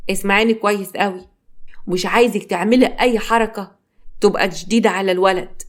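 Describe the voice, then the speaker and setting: A woman's voice: medium pitch, close to an everyday voice. A woman narrator voicing a domineering middle-aged husband with an Egyptian accent, gloating and threatening. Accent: Egyptian Arabic.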